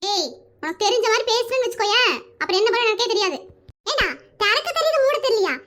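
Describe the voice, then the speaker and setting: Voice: very high voice, expressive, fast, bright, forceful tone, full character voice. A performer voicing a bossy older brother in a cartoon family comedy who scolds and mocks his little brother. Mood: taunting. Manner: scolding, mocking.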